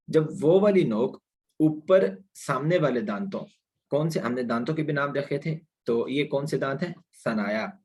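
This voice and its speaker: A man teaching a Quran pronunciation lesson online, patiently explaining and repeating letter sounds slowly for students to copy. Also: mid-range voice, a little mellow, husky. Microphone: online class recording.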